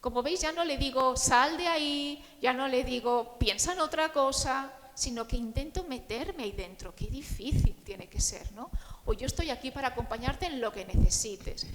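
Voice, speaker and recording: Woman counselor giving a talk in a big echoey hall, voice a bit high, keeps checking in with the crowd. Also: moderate pace, a little hiss or hum. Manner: warm, conversational, often asks the audience "¿no?" and "¿vale?"; acts out the quoted voices of friends and grieving people. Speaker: grief counselor speaking at a panel. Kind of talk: talk to a live audience.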